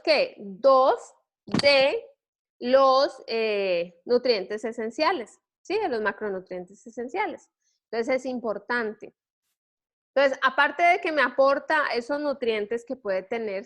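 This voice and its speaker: A woman giving a soil science lecture, explaining step by step and quizzing her students with rhetorical questions. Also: fairly high pitch. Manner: frequent "¿sí?" checks and restarts.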